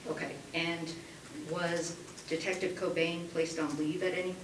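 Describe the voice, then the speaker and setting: Woman, reporter questions, off-mic, noisy background, mid pitch. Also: flat delivery, unhurried. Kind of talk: asking press questions. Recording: echoey, noisy, off-mic from a distance.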